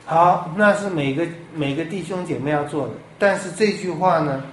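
A man preaching a sermon as a pastor, animated, with rhetorical questions and big swings in loudness. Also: on the high side, normal speed, slight background noise. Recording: echoey room with faint ambience.

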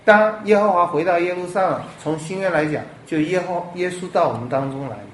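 A man preaching a sermon as a pastor, animated, with rhetorical questions and big swings in loudness. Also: high-pitched, fast talker, a little hiss or hum. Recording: echoey room with faint ambience.

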